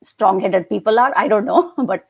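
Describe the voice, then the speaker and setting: A woman's voice: mid-range voice, lively intonation, moderate pace, gravelly, slightly rough, lo-fi sound. A woman with a South Indian accent, talking casually as the host of a panel discussion.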